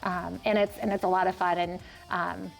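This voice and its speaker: Female interview guest, gravelly fry in the voice, conversational storyteller who laughs easily. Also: on the low side, little pitch movement, normal speed, soft background music. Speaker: interview guest, chamber of commerce worker and former journalist. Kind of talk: casual chat over a hot wing challenge.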